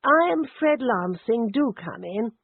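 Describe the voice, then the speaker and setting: A woman narrator voicing a mild, apologetic older male vicar with a refined, soft-spoken manner. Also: on the high side, animated, a little slow, gravelly, breathy edge, no room sound, pitched above the performer's own voice, full character voice. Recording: dry, narrowband phone-like audio.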